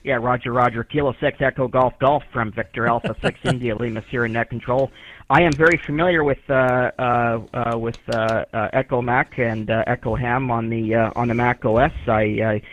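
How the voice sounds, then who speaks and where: A man's voice: medium pitch, steady tone, normal speed, a bit bright. A man running an amateur radio net as net control, heard over a ham radio receiver, polite and formal, with many "uh" fillers as he spells out call signs in the phonetic alphabet. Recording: tinny radio receiver audio.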